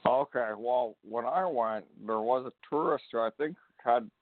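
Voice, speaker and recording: Male caller on a delayed, phone-quality line, hesitant and pausing, casual chat. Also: mid-range voice, no echo. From Alabama, US. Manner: halting, many "uh" pauses. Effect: laggy phone line with delay. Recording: tinny dry phone line.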